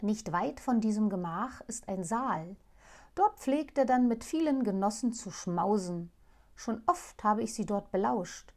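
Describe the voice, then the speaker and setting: A woman's voice: medium pitch, animated, unhurried. A woman voicing a sad, enchanted princess who lives as an owl, speaking plaintively and formally in a fairy tale reading. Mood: hopeful pleading. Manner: plaintive, gentle, old-fashioned formal speech. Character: sorrowful enchanted princess turned owl, female.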